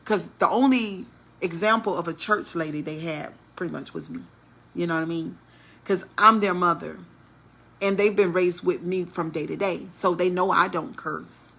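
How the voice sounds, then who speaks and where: A woman telling a family story in a vlog, indignant and preachy, sometimes dropping to a hush. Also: fairly low pitch. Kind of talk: slow, heated storytelling monologue.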